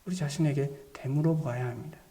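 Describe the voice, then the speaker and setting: A man's voice: on the high side, fairly quick. A male pastor preaching a sermon who acts out imagined self-talk and sometimes drops to near-whispers. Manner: animated, drops to near-whispers when quoting inner dialogue.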